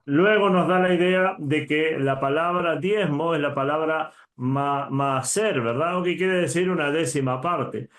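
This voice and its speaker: A man's voice: a little high, unhurried, few pauses, fairly bright tone, roomy sound. A man giving conversational Bible teaching, earnest, often tagging his points with a questioning "right?". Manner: earnest, frequent "¿verdad?" tags.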